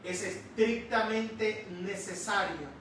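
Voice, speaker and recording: A man preaching a sermon in a church, slowly and emphatically, stretching out key words. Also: high voice, a bit bright, slight background noise. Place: church sanctuary. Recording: echoey church hall, distant mic.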